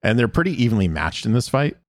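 A man co-hosting a podcast, reading a scene recap in casual chat and dropping into quick voiced quotes with fillers. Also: mid-range voice, big pitch swings, no echo, studio quality. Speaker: podcast co-host recapping episodes.

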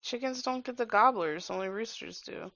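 A woman's voice: on the high side, moderate pace, gravelly, fairly bright tone, no room sound, lo-fi sound. A woman chatting casually over a film, blunt and teasing as she comments. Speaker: movie reaction commentator. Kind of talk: casual film-watching chat.

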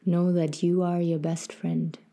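A woman leading a guided meditation in a soft, gentle, soothing way, with phrases sometimes fading toward breathy near-whisper. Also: lowish voice, little pitch movement, measured pace. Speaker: podcast host and meditation guide.

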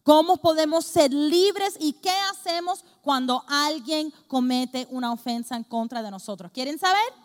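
A woman from the Dominican Republic, high-pitched, preaching a lively sermon. She acts out small scenes and asks the congregation questions. Her voice rings with the long reverb of a church hall. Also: moderate pace, hardly any pauses.

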